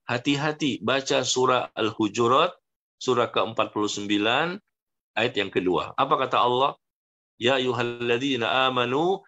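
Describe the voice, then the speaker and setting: A man's voice: medium pitch, bright, forceful tone. A man preaching a sermon to a congregation, earnestly warning and rising to emphatic peaks.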